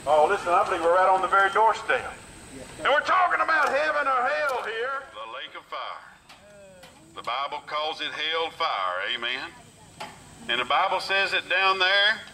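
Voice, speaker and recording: Fiery street preacher, megaphone. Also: male voice, sits high, sing-song, a little slow, bright, forceful tone, a little hiss or hum, poor audio. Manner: fiery call-and-response preaching. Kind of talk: outdoor sermon through a megaphone. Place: outdoors on a parking lot with children. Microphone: handheld megaphone.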